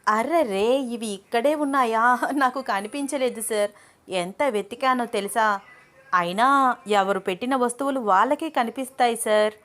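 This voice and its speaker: A feisty young woman in an audio story snaps back at anyone who crosses her, as a woman narrator puts her on. Her lines come a little higher and brighter than plain narration. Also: moderate pace, natural voice. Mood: defensive. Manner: teasing, then sharp and scolding. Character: young woman Ananya, bold and quick-tongued.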